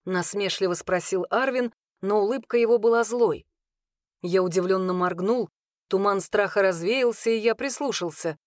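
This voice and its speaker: A woman narrating a fantasy audiobook in the first person with measured, even storytelling. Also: mid-range voice, no echo, studio quality.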